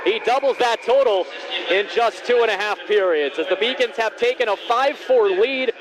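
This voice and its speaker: A man doing live ice hockey play-by-play commentary, raising his voice into excited shouts on scoring chances. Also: sits high, moderate pace, crowd noise. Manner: excited raised goal calls, shouting on chances. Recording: noisy rink, faint background noise.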